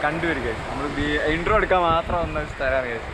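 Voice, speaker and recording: A man with a Kerala Malayali accent chatting excitedly to viewers in a casual outdoor vlog, mixing Malayalam and English and often repeating his phrases. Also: fairly high pitch, fast. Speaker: vlogger. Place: outdoors on a seaside bridge and beach walkway. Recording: loud outdoor wind and traffic noise.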